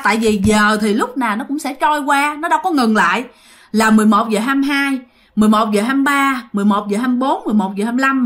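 A woman narrates a ghost story in a chatty, conversational way, speaking directly to her listeners. Her voice sits a little on the high side. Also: a bit bright.

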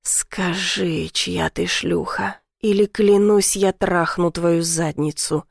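A woman voicing a rough, possessive man with a hoarse, growling voice in an audiobook, speaking slowly and menacingly. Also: lowish voice, no room sound, studio quality, natural voice. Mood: commanding. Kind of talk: audiobook character voice.

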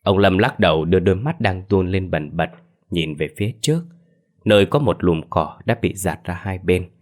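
A man narrating a ghost story in an expressive scripted storytelling style. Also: low-pitched, normal speed. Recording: faint background music.

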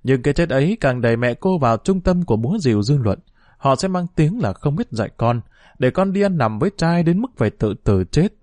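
A man reading a short story aloud as narrator, in an expressive storytelling manner. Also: medium pitch, a little fast, dry recording.

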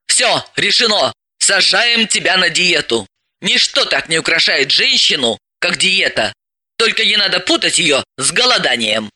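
A man's voice: sits high, big pitch swings, measured pace, bright, forceful tone, dry recording, full character voice. A man reading an audiobook, voicing a bossy, sardonic woman psychoanalyst who gives orders and mocks.

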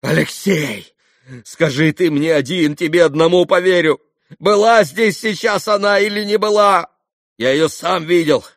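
A man's voice: on the high side, no echo, studio quality, pitched above the performer's own voice. A man doing a wild passionate young brawler. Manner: panting, fierce declarations.

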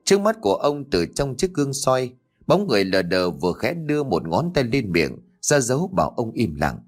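Expressive male ghost-story narrator. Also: medium pitch, moderate pace.

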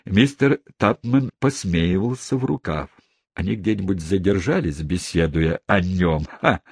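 A man narrating a classic novel as an expressive audiobook reader. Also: low-pitched, measured pace, slightly rough, no room sound, clean studio sound. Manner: expressive storytelling. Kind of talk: scripted narration.

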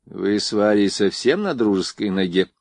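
A man reading an audiobook, voicing a middle-aged mother who speaks gently but reproachfully. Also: fairly low pitch, lively intonation, normal speed, no room sound, clean studio sound. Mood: gentle, stern. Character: middle-aged mother, proper and mildly stern.

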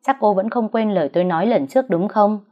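A woman's voice: medium pitch, quick pace, close to an everyday voice. A woman voicing a stern, scornful older mother-in-law who scolds coldly. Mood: scolding. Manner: cold, scolding, contemptuous. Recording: dull lo-fi recording.

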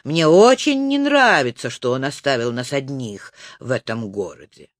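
A woman's voice: very deep voice, expressive, moderate pace, no echo, studio quality, pitched below the performer's own voice. A woman voicing a worried male dinosaur in an audiobook, fretful and complaining. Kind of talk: audiobook character voice.

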